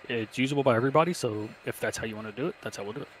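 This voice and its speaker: A man's voice: medium pitch, very fast, low-quality recording. A man guiding his group casually over online game voice chat, with faint noise behind him.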